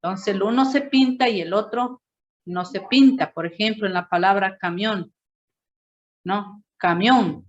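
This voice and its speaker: A woman teacher explaining a grammar point slowly to a class, checking in with "no?" after each point. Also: mid-range voice, dull audio. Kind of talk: classroom teaching, correcting a student presentation.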